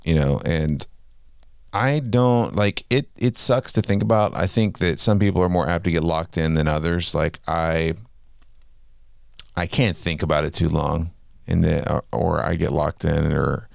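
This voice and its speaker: A man's voice: low voice, unhurried, creaky, no room sound, studio quality. A man in his forties co-hosting a parenting podcast in casual chat, hesitant and searching for words. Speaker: podcast co-host.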